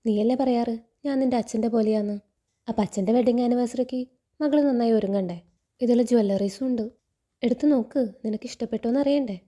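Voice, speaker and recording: A woman's voice: on the high side, fast talker, warm tone, natural voice. Woman reading a fatherly, firm older man. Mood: firm kind.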